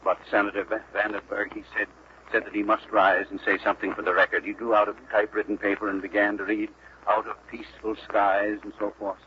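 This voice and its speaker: A man reporting live from a legislative chamber and reading a resolution at a measured pace, heard on an old 1940s radio broadcast. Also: on the low side, level tone. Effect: old 1940s radio broadcast sound. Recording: muffled lo-fi archival radio with faint hiss.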